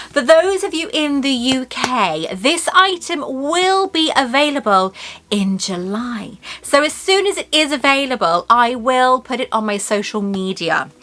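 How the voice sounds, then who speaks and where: A Welsh-accented woman hosts a chatty YouTube unboxing vlog, rambling, gushing and laughing often. Her voice is fairly high and sharp in tone.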